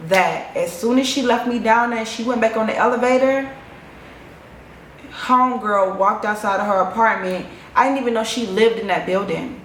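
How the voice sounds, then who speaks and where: A woman's voice: mid-range voice, slight background noise. Chatty young woman in an echoey room. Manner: animated, profane, chatty storytelling. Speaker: vlogger. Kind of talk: casual storytime monologue. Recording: echoey room, faint ambience.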